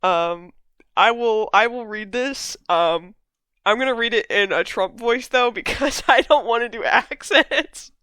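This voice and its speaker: Bright-voiced chatty woman host. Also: fairly high pitch, measured pace, clear, resonant tone, dry recording. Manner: chatty, laughs between questions. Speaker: book club host. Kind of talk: casual discussion.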